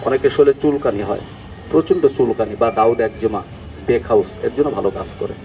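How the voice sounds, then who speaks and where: An older man giving a folksy street sales pitch as a herbal oil vendor, often addressing listeners familiarly. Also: a little mellow. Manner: folksy, repeatedly addresses listeners as uncle and brother. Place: outdoors on a busy street. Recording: noisy outdoor street with traffic.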